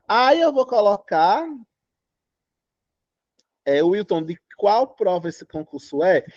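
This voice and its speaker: A man's voice: high voice, a little mellow, no room sound. A Brazilian man teaching Portuguese in an online exam-prep class, emphatic and often checking that students follow. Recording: dull, lo-fi online class audio.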